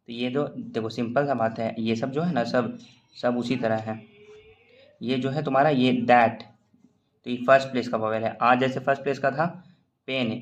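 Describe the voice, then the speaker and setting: A man's voice: mid-range voice, lo-fi sound. A man teaching a shorthand lesson in casual classroom style, explaining step by step and quizzing his students.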